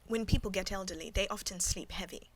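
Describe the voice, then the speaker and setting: A woman reading the part of a guarded, composed middle-aged servant woman, speaking calmly and demurely in a storybook. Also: medium pitch, fairly quick, background noise, close to an everyday voice.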